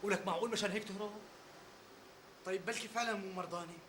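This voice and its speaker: A calming brother. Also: male voice, sits high, rapid-fire, reverberant, slight background noise. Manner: calming, questioning. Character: level-headed young man calming his brother.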